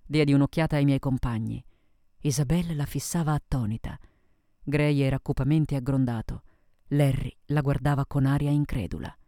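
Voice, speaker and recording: A man narrating a novel in the first person with a measured reading manner. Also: medium pitch, warm tone, no room sound, clean studio sound. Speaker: audiobook narrator. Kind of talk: scripted narration.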